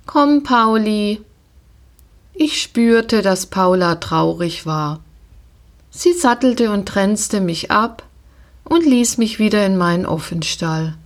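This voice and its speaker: A woman reads a children's story aloud at a slow, unhurried pace. Her pitch moves expressively through the lines, rising and falling with the narration. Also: animated. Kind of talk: storybook reading.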